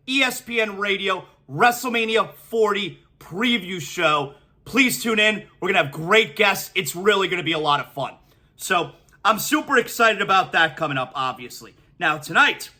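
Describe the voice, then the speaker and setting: Sponsor reads break up the energetic, excitable game talk of this solo sports podcast host, a man in his forties. His voice is high.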